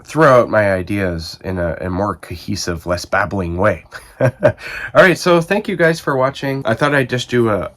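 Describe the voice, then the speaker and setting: Hoarse, stuffy low-voiced man. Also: animated, normal speed, fairly bright tone. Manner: rambling, thinking aloud with many restarts. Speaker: book video host. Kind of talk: casual chat to camera.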